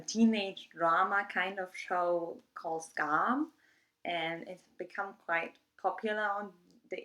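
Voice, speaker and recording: A woman's voice: lowish voice, a bit bright. A young woman from Germany with a German accent, chatting casually in her first vlog and reading prepared answers from her phone. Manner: rambling, chatty, with frequent fillers. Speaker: YouTuber. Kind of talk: casual get-to-know-me vlog.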